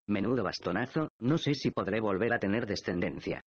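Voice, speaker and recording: A man's voice: on the low side, lively intonation, fairly quick, no echo. A man reading the lines of the detective's teasing, doubtful male friend, in a dull, dry audiobook recording. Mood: joking.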